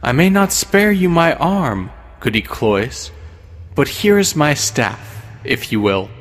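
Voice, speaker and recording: The devil in the shape of an older traveler, as a male reader plays him, sly and mocking in archaic speech. He talks slowly and smoothly, and a long reverb hangs on every word. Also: a little high, sing-song, full character voice.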